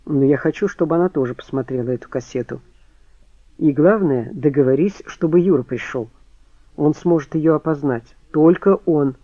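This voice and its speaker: Sarcastic young widow, guy reading her, brisk and snappy, pitched up a bit, kinda muffled recording. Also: mellow, no echo, close to an everyday voice. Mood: sardonic. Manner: brisk, mocking retorts.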